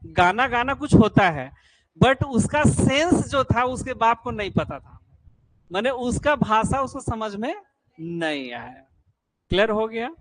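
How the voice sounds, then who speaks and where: Male coaching teacher, fairly high voice, keeps checking the class follows, folksy storytelling. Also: fairly bright tone, dry recording, poor audio. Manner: keeps checking students understand, tells folksy anecdotes. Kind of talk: classroom lecture.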